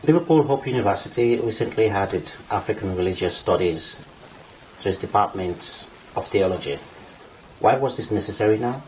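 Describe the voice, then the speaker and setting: A man's voice: lowish voice, lively intonation, normal speed, a little mellow, slight background noise, low-quality recording. A man interviewing a guest, asking brief, plain questions in an indoor room.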